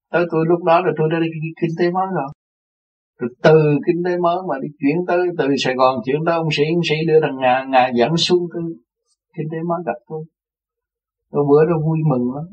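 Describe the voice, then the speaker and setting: An older man, a religious teacher, telling a personal story in an interview, animated and laughing as he acts out other people's words. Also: a little high, husky. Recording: dull lo-fi recording.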